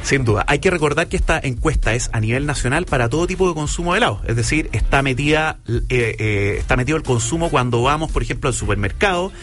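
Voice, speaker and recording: A man, an ice cream maker as a guest, speaking enthusiastically and warmly about the product. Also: mid-range voice, lively intonation, quick pace, hardly any pauses, faint music behind. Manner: enthusiastic, effusive.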